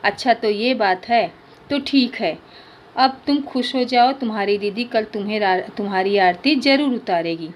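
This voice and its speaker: A woman's voice: a little high, unhurried, slight background noise, lightly acted. A woman teacher voicing a kind father reassuring his son.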